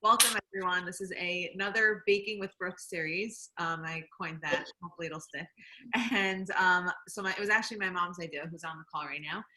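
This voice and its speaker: A woman's voice: lowish voice, fairly even intonation, fairly quick, sharp tone, rough recording. A young woman hosting a community baking program over a video call, chatty and laughing easily. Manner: chatty and laughing, with many fillers.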